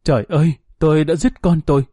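A man's voice: fairly high pitch, fairly even intonation, fast, warm tone, dry recording, studio quality, lightly acted. A man voicing a grieving young peasant mother in a spoken story, crying out in desperation. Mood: anguished. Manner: wailing, desperate cries.

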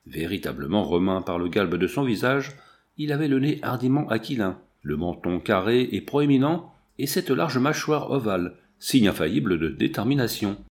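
A man narrating an adventure novel in a steady, measured reading. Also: fairly low pitch. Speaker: audiobook narrator. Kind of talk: audiobook reading.

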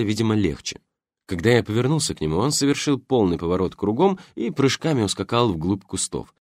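A man reading a first-person story as an audiobook narrator, with an expressive storytelling delivery. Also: lowish voice, no echo, clean studio sound.

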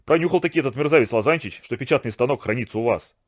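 Plotting uncle, read by a man, low and hushed, giving orders quick. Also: lightly acted. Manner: low urgent instructions.

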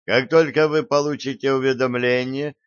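A man's voice: mid-range voice, steady tone, moderate pace, no room sound, lo-fi sound, voice pushed up, natural voice. A man voicing Grenville, a suspicious, blunt male partner in a shady deal. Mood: wary blunt.

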